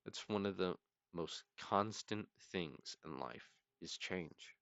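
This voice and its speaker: A weary man in a halting, brooding late-night solo monologue, often trailing off. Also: deep voice, fairly bright tone, dry recording, muffled recording. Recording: clearly noisy amateur recording with clicks.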